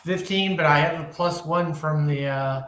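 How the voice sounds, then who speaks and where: A man's voice: on the high side, normal speed, a bit bright, echoey room. A man playing a tabletop game, joking and laughing often. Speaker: player.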